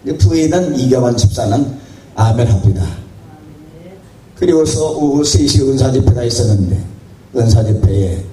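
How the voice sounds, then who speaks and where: A man's voice: medium pitch, lively intonation, normal speed, long pauses, mellow. A male pastor preaching a sermon, telling a story with dramatic emphasis. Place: church or prayer house hall. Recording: roomy hall audio, distant mic.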